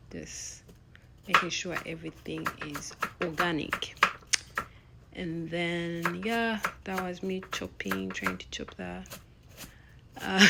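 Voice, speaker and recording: A woman's voice: on the low side, vocal fry, noisy background. A young woman, chatting casually as she narrates her own vlog, laughing now and then and restarting words. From Uganda. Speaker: vlogger.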